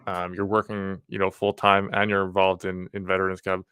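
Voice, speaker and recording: A man's voice: low-pitched, monotone, fairly quick, a bit bright, smooth, no room sound, clean studio sound. A man hosting a casual conversational interview in an informal, friendly way. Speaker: podcast host.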